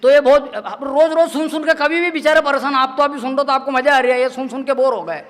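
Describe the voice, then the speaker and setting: A man's voice: very high voice, fast talker. A man performs as a comic poet on stage. He talks in chatty, self-mocking stories and slips into the voices of the people in them. He speaks into a stage microphone at a live poetry gathering. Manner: chatty storytelling, acts out quoted voices, laughs often. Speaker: stand-up comedic poet. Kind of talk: humorous poetry-stage banter.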